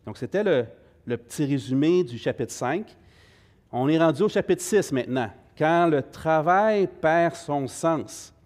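A man's voice: fairly high pitch, animated, unhurried, a little mellow. A middle-aged man with a Québécois French accent leading an informal Bible study class, hesitant with many fillers and friendly asides to the group.

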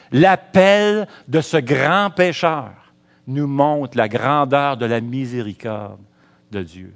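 A middle-aged man preaching a sermon as pastor, in a Quebec French accent, lively and calling out to the congregation. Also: medium pitch.

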